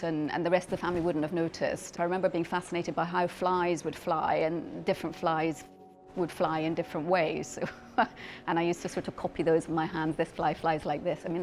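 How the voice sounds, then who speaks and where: A woman's voice: low-pitched, a little mellow. A middle-aged woman, a clinician scientist from Scotland raised in Belgium, talking thoughtfully in a profile interview, often restarting and repeating words as she explains. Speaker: clinician scientist in paediatric dermatology.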